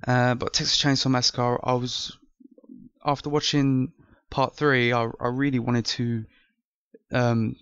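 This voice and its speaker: Young British vlog host, earnest, rambly, smooth clear voice, dry dull lo-fi recording. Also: male voice, mid-range voice, flat delivery, measured pace, fairly bright tone, no room sound. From France. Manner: earnest, rambling with many restarts. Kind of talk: casual movie review vlog.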